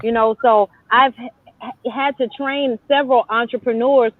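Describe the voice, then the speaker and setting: A woman's voice: fairly high pitch, fairly even intonation, normal speed, no room sound, phone-quality sound. A young woman speaking casually as a talk show guest over a thin remote line. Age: young adult. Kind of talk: casual conversation.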